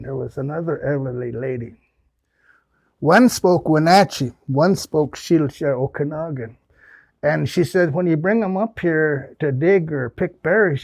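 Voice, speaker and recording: This older guest speaker from the Pacific Northwest, United States, tells rambling, folksy stories to a small-hall audience and takes their questions. His voice is fairly high, gravelly, and darkish in tone, and the recording is dry.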